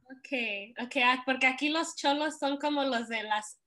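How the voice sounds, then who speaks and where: A young woman from California, speaking Spanish with a Mexican accent, tells her story as an interview guest. Her voice sits a little high, and her talk is relaxed and full of fillers. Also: measured pace. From California, United States. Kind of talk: casual interview.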